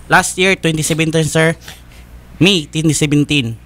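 A man's voice: a little high, steady tone, a little slow, fairly bright tone. A man giving earnest, insistent testimony as a witness, respectfully addressing the host. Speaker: witness, nephew.

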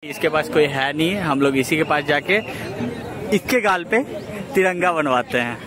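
A young man, chatting excitedly as he vlogs outdoors on his way into a cricket stadium. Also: fairly high pitch, normal speed, music in the background. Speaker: vlogger. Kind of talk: casual vlog chat. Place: outdoors on busy city streets and at a stadium. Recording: loud crowd and street noise. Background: traffic and large crowds.

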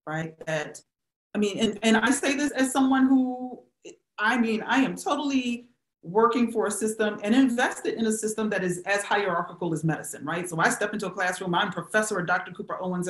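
A middle-aged woman, a historian, answering questions on a video call, speaking with emphasis and many rhetorical questions. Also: medium pitch. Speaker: historian and professor, guest speaker. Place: small indoor room at home. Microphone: webcam on a video call. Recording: roomy webcam sound.

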